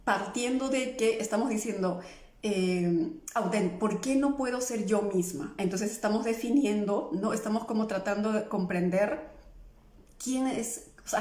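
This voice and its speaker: A woman's voice: medium pitch, darkish tone. Echoey woman coaching a live audience. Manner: checks in with listeners with constant questions. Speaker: emotional healing coach. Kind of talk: live stream talk to viewers. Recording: echoey room.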